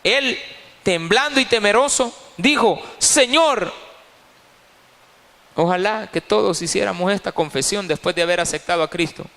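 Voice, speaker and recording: A man's voice: high-pitched, fairly quick, creaky, pushed and bright. A man preaching a sermon as pastor, emphatic and repeating key phrases. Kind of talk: sermon at a Bible study. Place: church. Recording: reverberant church hall.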